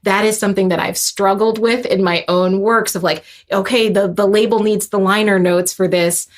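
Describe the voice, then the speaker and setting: At a moderate pace, a young woman of Haitian heritage, a composer guest, speaks with medium pitch and fairly even intonation. Her reflective interview talk is thoughtful and peppered with fillers and restarts.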